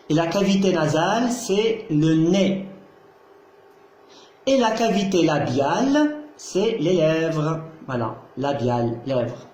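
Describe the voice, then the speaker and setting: A man's voice: fairly high pitch, a little mellow. A man giving a patient lecture, repeating key terms and checking that students follow. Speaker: teacher. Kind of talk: slow explanatory lecture. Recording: echoey room.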